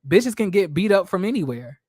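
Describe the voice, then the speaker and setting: A man's voice: high voice, sing-song, brisk, a little mellow, husky, no echo, clean studio sound. A man hosting a livestream recap of a reality show, reading viewer comments and answering in a blunt, sassy, profane way with many rhetorical questions.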